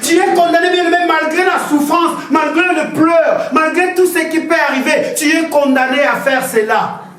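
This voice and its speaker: A man's voice: very high voice, moderate pace, fairly bright tone. A man preaching a sermon as pastor, impassioned and repetitive, telling stories to the congregation. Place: church hall. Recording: very echoey church hall, distant mic.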